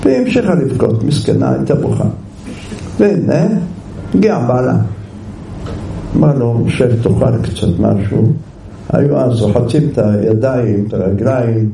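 A man's voice: mid-range voice, gravelly, mellow. A man preaching, telling a parable animatedly and acting out the characters. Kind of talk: sermon storytelling. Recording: roomy, distant, faint background hiss.

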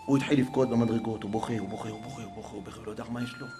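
A man telling a religious story as a preacher, dramatically swinging from hushed murmurs to raised, emotional exclamations. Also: on the low side, fairly even intonation, music in the background.

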